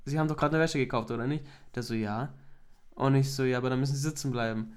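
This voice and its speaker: Fast-talking young man telling stories. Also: medium pitch, fairly even intonation, clean tone. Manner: slangy, storytelling, swears with "Alter". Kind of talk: casual chat.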